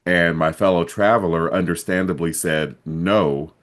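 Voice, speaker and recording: A man from Ohio, a vlogger, telling a travel story in a steady, plain way. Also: deep voice, moderate pace.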